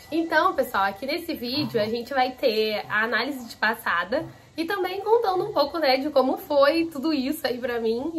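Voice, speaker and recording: High pitched brazilian girl from rio state, chatty casual vlog talk, some room noise behind. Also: fairly bright tone. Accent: Brazilian, Rio de Janeiro state. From Araruama, Rio de Janeiro state, Brazil. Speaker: vlogger, amateur competitive rider. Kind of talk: casual improvised vlog chat.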